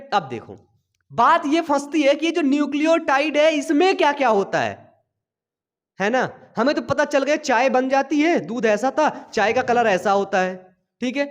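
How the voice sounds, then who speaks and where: High-voiced energetic male biology teacher. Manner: lively, keeps asking and answering his own questions; motivating, playful everyday examples. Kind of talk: energetic classroom lecture.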